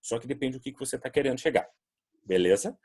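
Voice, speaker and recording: A man's voice: medium pitch, lively intonation, fast, darkish tone. A man from Brazil teaching an English class online, talking conversationally and acting out quoted voices as he answers student questions.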